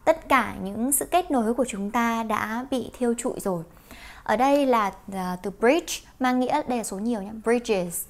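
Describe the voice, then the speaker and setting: A woman with a Vietnamese accent teaching English through a song, explaining slowly, repeating words and singing lines. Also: fairly high pitch, expressive. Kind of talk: song-based English pronunciation lesson.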